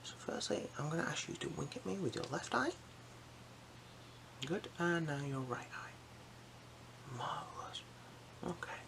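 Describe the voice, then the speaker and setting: With a mid-range voice and lively intonation, an ASMR performer portrays an eye examiner, whispering breathily and speaking softly as she gently and patiently reassures while giving instructions.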